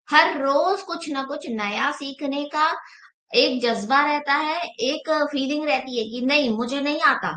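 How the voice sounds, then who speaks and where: A high-voiced woman teaches an online yoga class. She explains ideas patiently and keeps checking in with rhetorical questions. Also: pushed and bright.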